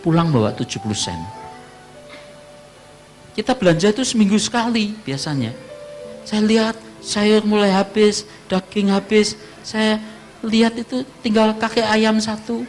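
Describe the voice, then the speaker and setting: A pastor from Java preaching a sermon and telling a personal testimony, his voice jumping high when he quotes people, with frequent laughter. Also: measured pace, pauses often, soft background music. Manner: storytelling, animated voice jumps high for quoted speech, laughs often.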